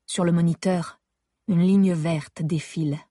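Husky woman narrating a story softly. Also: on the low side, fairly even intonation, measured pace, dry recording, studio quality. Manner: intimate, restrained, rising to distressed pleading in dialogue. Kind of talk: first-person audiobook narration.

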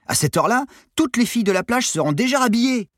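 A man's voice: very high voice, expressive, fast, dry recording, clean studio sound, pitched above the performer's own voice. Armand, a man doing a brash crude teenage boy. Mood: cheeky. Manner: loud, cheeky and crude. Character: brash foul-mouthed short teenage boy.

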